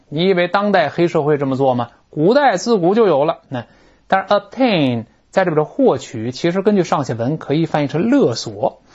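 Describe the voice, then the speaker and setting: A male English teacher walks through a textbook passage. He talks in a colloquial, lively way, his voice bouncing up and down in pitch. The recording sounds muffled and lo-fi. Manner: lively, colloquial, northern-style chatty explanations. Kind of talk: explaining a textbook text. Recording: dull lo-fi recording.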